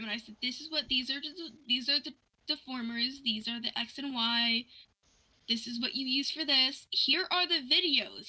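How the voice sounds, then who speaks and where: A young woman chats casually, telling a story in an animated rant and acting out both sides of each conversation. Her voice sits high, and the recording is rough.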